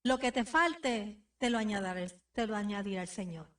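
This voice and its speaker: A woman's voice: mid-range voice, animated, moderate pace, fairly bright tone. A woman pastor preaching a sermon, exhorting the congregation directly with repeated phrases. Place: church sanctuary. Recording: voice somewhat distant from the mic.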